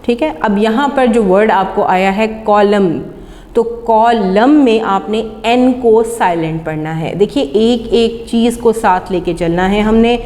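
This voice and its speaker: Pakistani lady teaching english, sounds out words real slow, reverby room. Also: mid-range voice, a little mellow. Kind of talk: classroom lesson on pronunciation.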